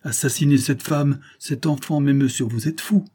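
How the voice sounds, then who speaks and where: A man's voice: mid-range voice, fairly even intonation, normal speed, warm tone, breathy edge, pitched above the performer's own voice, natural voice. A man voicing a cynical, mocking female adventuress in a read-aloud adventure story, with a biting, sarcastic delivery. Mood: defiant.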